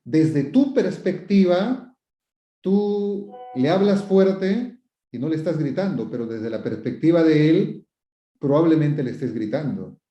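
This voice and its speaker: Man therapist giving advice, dark voice that swings up and down a lot, kinda lo-fi and echoey. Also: fairly high pitch, animated, unhurried. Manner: explains with repetitions and rhetorical questions; quotes questioners and acts out sample phrases. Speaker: psychotherapist answering viewer questions. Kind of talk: advice talk. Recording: roomy, dull lo-fi sound.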